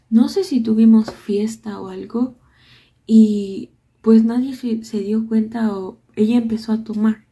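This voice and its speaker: Soft-spoken woman. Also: medium pitch, slightly rough. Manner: soft-spoken, often drops to a near whisper. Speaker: vlogger. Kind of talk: casual storytelling of childhood memories.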